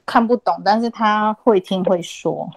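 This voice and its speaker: A woman in her thirties hosting a casual online group chat from home, telling stories in an animated way and laughing often. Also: mid-range voice, normal speed, dry recording, rough recording. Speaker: host of online chat room.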